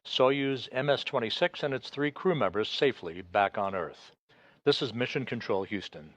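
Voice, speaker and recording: A man giving live broadcast commentary as a mission control announcer, in a measured, official manner with hesitant pauses. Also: mid-range voice, fairly bright tone, no room sound. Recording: dull, band-limited broadcast audio.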